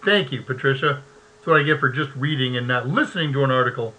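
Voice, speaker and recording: A man's voice: medium pitch, quick pace, pushed and bright, low-quality recording. A man hosting a live tech show, chatty and easygoing, who laughs often and reads short verses aloud. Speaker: host.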